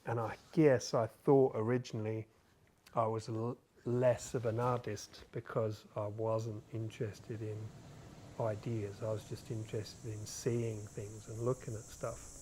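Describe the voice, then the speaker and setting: A man's voice: lowish voice, little pitch movement, a little slow, dark tone, slight background noise. A man, an artist, talking plainly and reflectively.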